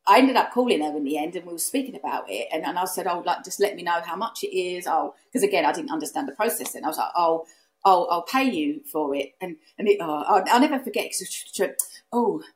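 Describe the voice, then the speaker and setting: Lowish-voiced Essex woman, chatty. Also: lively intonation, quick pace. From East London and Essex, England. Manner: chatty, repeats herself, acts out quoted remarks. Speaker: podcast guest, serviced accommodation host. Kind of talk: casual anecdotal interview chat.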